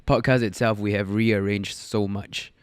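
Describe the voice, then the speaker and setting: A young man co-hosting a casual podcast, relaxed and joking, trailing off at the ends of lines. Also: fairly low pitch, unhurried, clear, resonant tone, dry recording, studio quality. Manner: relaxed, joking, drops to a mumble at line ends. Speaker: podcast co-host. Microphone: studio podcast mic.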